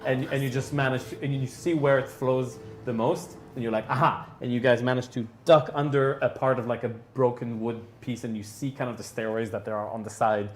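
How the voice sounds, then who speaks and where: A man's voice: medium pitch, steady tone, a little fast, few pauses, reverberant. A man narrating as game master in a casual, swearing, stop-and-start way.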